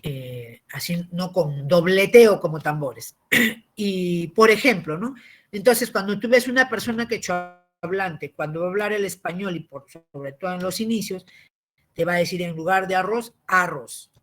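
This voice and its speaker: A man, giving a civics lesson as a teacher. He explains patiently, often tags his points with a question and clears his throat. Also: high voice, moderate pace, a bit bright.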